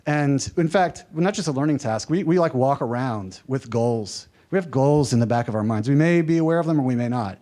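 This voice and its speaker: A man's voice: medium pitch, animated, brisk, few pauses, dark tone. Man from the american south, workshop presenter, conversational lecture, mid-range voice. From American South, mountain region. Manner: conversational, checks in with the audience, light humor. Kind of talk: workshop lecture with audience activities. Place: workshop room.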